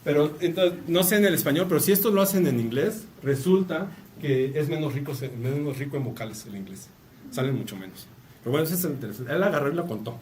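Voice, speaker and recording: A man's voice: a little high, expressive, fast talker, darkish tone. A man with a Mexican Spanish accent gives a casual university lecture, chatty, with joking asides and a questioning "no?" tag on many of his phrases. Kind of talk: casual academic talk. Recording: distant mic with faint room noise.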